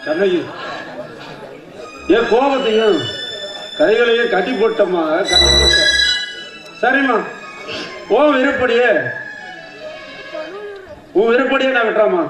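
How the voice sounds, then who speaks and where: A man acting a protective, hot-tempered elder brother in a stage drama, coaxing gently, recorded from a distance on an echoey stage with loud music. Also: very high-pitched, slow pace, long pauses. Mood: resigned. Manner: gentle and coaxing, flaring into rage.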